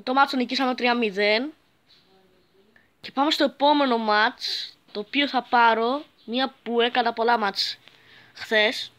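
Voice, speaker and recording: A male YouTuber giving joking, crude gameplay commentary that bursts into excited shouts. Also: extremely high pitch, low-quality recording. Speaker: gaming YouTuber.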